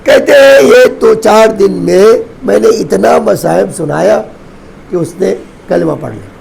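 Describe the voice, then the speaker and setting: A man recites a mournful devotional sermon in a rough, deeply gravelly voice pitched high for a man. His melody swings widely, climbing and then sinking sharply as he tells the story. He draws key words out slowly. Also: lively intonation, low-quality recording. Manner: emotive recital with sharp rises and drops. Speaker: Shia cleric reciting a majlis.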